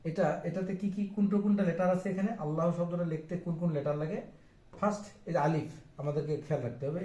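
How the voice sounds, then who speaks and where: A man teaching the Arabic alphabet to beginners, patient and repetitive as he goes over each letter. His voice sits a little high for a man and rings in an echoey room. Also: dark tone. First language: Bengali. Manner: patient, repeats each point, mixes in English phrases. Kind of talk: explaining Arabic letters on a board.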